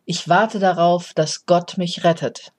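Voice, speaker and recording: A stubborn, pious man stranded on a flooded roof, insisting he will wait, as a podcaster reads him aloud. The voice is plain and close to everyday speech, with even, insistent refusals. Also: medium pitch, measured pace, lightly acted.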